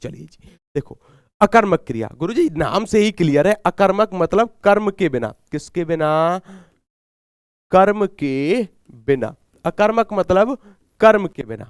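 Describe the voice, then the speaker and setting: Hindi tutor with a sore throat. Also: male voice, high voice, big pitch swings, a little slow, clean tone, no room sound, studio quality. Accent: Haryanvi. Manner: asks the class a question and answers it himself; repeats key words, calls himself guruji. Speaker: Hindi exam teacher. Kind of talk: live online class.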